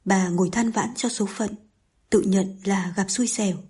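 A woman reading a novel aloud as a storyteller, in a calm, even narrating manner with lightly voiced dialogue. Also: mid-range voice, moderate pace, husky. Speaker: audiobook narrator. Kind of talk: scripted narration.

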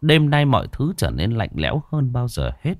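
A man narrating a ghost story in an expressive storytelling manner. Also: mid-range voice, moderate pace, no room sound.

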